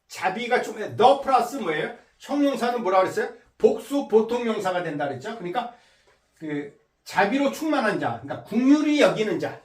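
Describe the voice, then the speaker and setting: A man teaching English through Bible verses in a lecture, slowly explaining words and repeating them to drill pronunciation. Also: sits high, roomy sound, distant mic.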